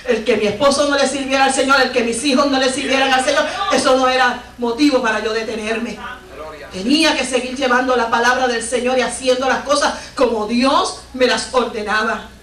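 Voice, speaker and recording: A woman's voice: high-pitched, fairly even intonation, a little fast, fairly bright tone, far from the mic. A woman missionary preaching a fervent Pentecostal sermon, telling a testimony with bursts of praise. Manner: fervent storytelling with exclamations of praise. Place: church sanctuary. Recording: echoey church recorded from afar.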